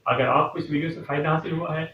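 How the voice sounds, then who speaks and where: A man's voice: a little high, steady tone. Man, recitation teacher, patient explaining, echoey room, dull lo-fi sound. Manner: explains slowly, then chants verses drawn out. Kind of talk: step-by-step recitation lesson. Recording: echoey, distant, dull lo-fi recording with faint hum.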